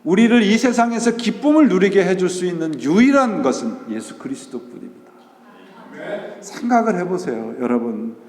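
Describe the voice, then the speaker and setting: A man's voice: sits high, very animated, normal speed, darkish tone. A male pastor preaching a Sunday sermon, asking rhetorical questions and answering them himself, and mixing English words into his talk. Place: church sanctuary. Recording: echoey church hall.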